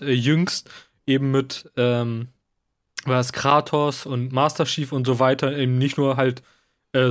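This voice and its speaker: A man with a slightly high voice speaks as a panellist in casual discussion. He feels his way haltingly through his sentences. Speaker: podcast panellist. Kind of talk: casual video game discussion.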